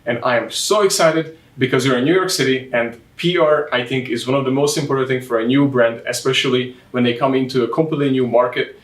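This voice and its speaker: A man's voice: medium pitch, quick pace, few pauses. Eager young male podcast host, echoey room. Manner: enthusiastic, slightly non-native phrasing. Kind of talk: casual interview hosting. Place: bright storefront room by a window, indoors. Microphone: lapel mic. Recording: roomy echo, mic at a distance.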